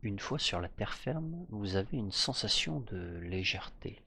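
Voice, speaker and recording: A man narrating a guided hypnosis journey in a soft, slow voice that drifts into whispers. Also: fairly low pitch, sing-song, husky.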